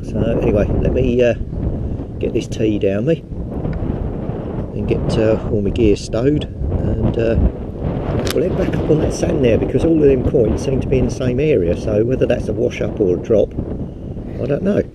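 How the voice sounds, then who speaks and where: With a medium-pitched voice, vocal fry and a moderate pace, a man chats to his head-mounted camera as he metal detects on a beach. He rambles while digging, and the outdoor recording catches wind gusts and the sea.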